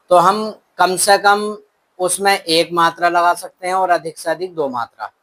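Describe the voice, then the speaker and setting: A man with a slightly raised voice teaches a shorthand lesson at a very unhurried pace. He explains each step patiently and speaks kindly to his students, pausing often as he works through each example. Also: sits high, fairly bright tone, poor audio. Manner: slow, patient explaining, addresses students as "beta".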